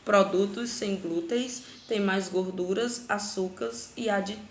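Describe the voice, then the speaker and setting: A woman from Brazil teaches a recorded grammar lesson in a gravelly voice with a touch of vocal fry. She walks through each exercise step by step and keeps checking that her students follow. The room sounds echoey, with a faint hum of noise behind her. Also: medium pitch, fairly even intonation, slow pace.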